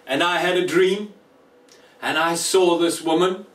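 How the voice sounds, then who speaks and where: A man preaching a personal testimony sermon, slow and emotional with dramatic pauses. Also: sits high, a bit bright, echoey room, far from the mic.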